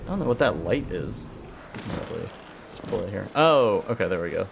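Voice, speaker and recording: Man, 30s, game streamer, lowish voice, rambling, muttering, swears, faint background hiss. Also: brisk, vocal fry. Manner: relaxed, rambling, muttering to himself, laughing and swearing. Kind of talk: casual livestream chat while playing.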